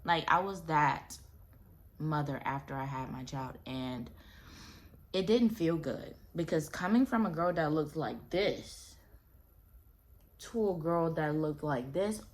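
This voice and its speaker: A woman's voice: sits low, a little hiss or hum. A young adult woman and new mother giving casual, reassuring advice to camera in a chatty, slangy way.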